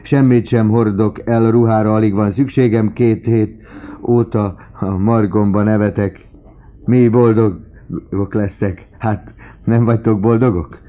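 A man voicing an elderly doting father, effusive, loud and emotional, in an audiobook reading. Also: extremely low pitch, fairly even intonation. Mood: elated. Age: older. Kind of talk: audiobook character voice. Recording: tinny phone-like lo-fi recording.

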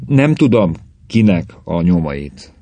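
A man's voice: low-pitched, big pitch swings, warm tone, no room sound. A man voicing a nervous middle-aged townsman who talks in an anxious, pleading way.

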